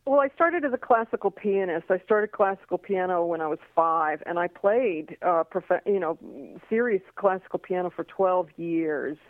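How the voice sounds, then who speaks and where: A woman from Queens, New York, whose first language is Slovak, is a singer and Broadway performer chatting casually as an interview guest. Her lowish voice has lively intonation at normal speed with few pauses, and she talks freely with many fillers and restarts; the audio is dry and comes over a tinny phone line.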